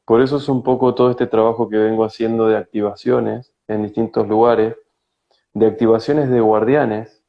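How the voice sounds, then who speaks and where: A man with a Rioplatense Argentine accent speaks in a low, gravelly voice that stays flat and unhurried. He pauses and restarts often as he reflects in an interview. The sound is muffled, lo-fi video-call audio. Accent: Rioplatense Spanish. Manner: slow, searching, with frequent hesitations. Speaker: spiritual guide, guest.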